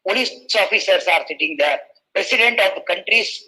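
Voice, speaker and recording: A man's voice: fairly quick, low-quality recording. A man from India giving a webinar talk, telling a story and quoting each character in turn. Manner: animated, quoting characters in rising pitch. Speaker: webinar speaker. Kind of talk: storytelling lecture.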